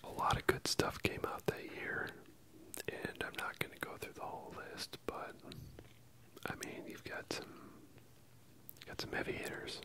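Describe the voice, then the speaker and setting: Someone whispering softly and closely from ear to ear, giving a casual ASMR film review with hesitant pauses. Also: poor audio. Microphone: close stereo microphone, ear-to-ear panning.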